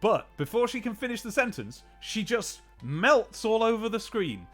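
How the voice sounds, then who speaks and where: Over faint music, a man speaks in a high, very animated voice at a moderate pace with a slightly bright tone. Sleepy but talkative during a late-day game stream, he keeps up casual chat with viewers. Laughing, he tells stories from old TV shows and acts out the quotes.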